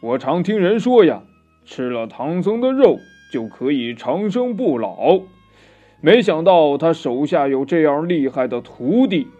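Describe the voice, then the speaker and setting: A man voicing a gruff, boastful old male demon king in a children's storybook, slow and grumbling. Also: on the high side, very animated, dark tone, lo-fi sound, faint music behind. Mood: gloomy.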